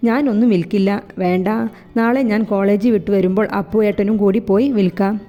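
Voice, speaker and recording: A woman's voice: medium pitch, steady tone, brisk, lo-fi sound, natural voice. A woman voicing a headstrong young college woman who talks in an earnest, pleading way. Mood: determined. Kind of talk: audiobook character voice. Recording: echoey room with faint music.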